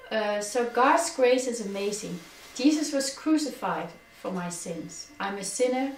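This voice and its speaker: A middle-aged Danish woman giving an earnest personal testimony, her voice sinking quieter on sad memories. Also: medium pitch, slight background noise. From Denmark. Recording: echoey room, distant from mic.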